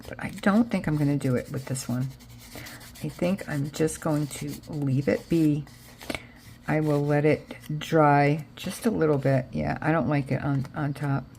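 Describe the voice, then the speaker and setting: Low, creaky and a little mellow, this woman's voice comes with a slight hiss or hum in the recording. She is a craft vlogger from Israel, raised in Connecticut, who speaks with an American accent. As she talks through a craft project she rambles and thinks aloud, frequently trailing off.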